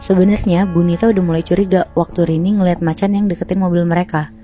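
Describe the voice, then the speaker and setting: A woman's voice: fairly low pitch, steady tone, fast, dark tone, faint music behind. A woman casually telling a horror story to friends on a podcast, chatty and slangy, calling her listeners by nicknames.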